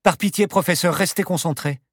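A man voicing an anxious, sharp-tongued young woman who sounds alarmed and pleading. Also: sits high, fairly quick, slightly rough, no room sound, studio quality, pitched above the performer's own voice.

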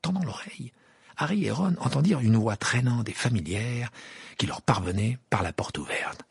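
Husky, gravelly male storyteller. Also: mid-range voice, moderate pace, no echo. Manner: expressive reading, voices each figure. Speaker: audiobook reader. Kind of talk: storybook narration.

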